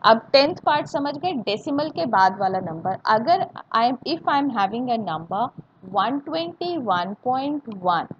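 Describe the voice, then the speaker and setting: A fairly high-voiced woman with an Indian accent runs a live online maths lesson, going over each step twice and stopping to quiz her students. Her voice comes through a dull, lo-fi computer mic with a faint hiss underneath. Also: sing-song, takes it slowly. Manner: repeats points and asks students check questions, mixing Hindi and English. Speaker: maths teacher. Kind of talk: live online class teaching.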